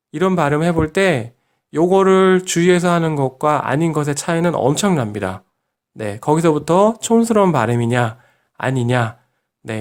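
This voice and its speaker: A man teaching Japanese pronunciation in a lesson video, patient and encouraging, modelling each syllable slowly. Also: on the high side. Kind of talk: online language lesson.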